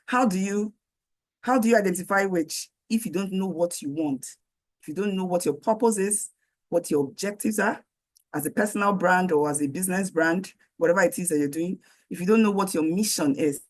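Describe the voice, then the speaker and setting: A woman giving an online training presentation over a video call. Her voice is going hoarse, and she talks conversationally, with many fillers and rhetorical questions. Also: lowish voice, normal speed, darkish tone. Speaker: guest speaker.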